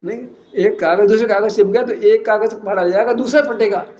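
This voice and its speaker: A man's voice: high voice, normal speed, darkish tone, highs cut off. A man giving a religious philosophical discourse, teasing his listeners with rhetorical questions and chuckling at his own points. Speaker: religious teacher.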